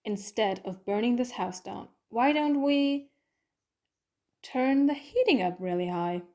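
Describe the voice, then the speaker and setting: A woman's voice: a little high, animated, unhurried, a little mellow. A woman playing the Doctor, a playful, clever alien traveller, in a fan audio drama, talking in a wry, coaxing, conversational way.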